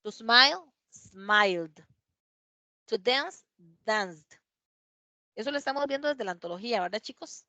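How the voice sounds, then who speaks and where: A woman's voice: on the high side, expressive, sharp tone, no echo, lo-fi sound. Woman teacher reading English examples. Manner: reads English examples aloud slowly, checks with "¿verdad?". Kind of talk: classroom grammar explanation. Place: classroom.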